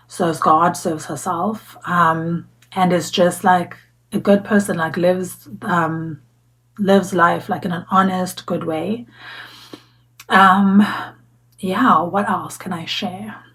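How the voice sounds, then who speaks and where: A woman's voice: lowish voice, a bit bright, rough recording. A woman, chatting reflectively to camera in a casual vlog, full of fillers and restarts. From South Africa. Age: 30s. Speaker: vlogger. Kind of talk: casual get-to-know-me vlog. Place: sitting at home talking to camera.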